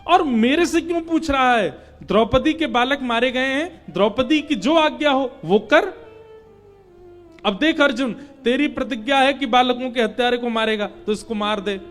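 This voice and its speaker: A man puts on the god Krishna, a calm but firm grown man counselling his friend. The voice sits high and lifts louder as he presses his point. Soft instrumental music plays faintly behind. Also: moderate pace, in a large hall. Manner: raised, emphatic counsel. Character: calm divine adult male Krishna, gently firm.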